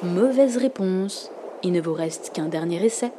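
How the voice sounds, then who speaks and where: A woman voicing a hungry, merciless female sea spirit in a storybook, speaking slowly and menacingly. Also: on the low side, expressive, noisy background. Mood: gloating. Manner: slow, menacing, gloating.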